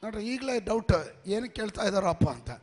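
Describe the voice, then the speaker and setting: A male pastor preaching a sermon with call-and-response to his congregation, often swelling into shouts. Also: high voice, animated, moderate pace. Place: church worship hall. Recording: long reverb of a large hall.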